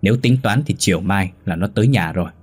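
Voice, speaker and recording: Man doing a sly old master, calm commanding tone, low voice. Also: fast, slightly rough, faint music behind. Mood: scheming. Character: scheming lecherous old master of the house.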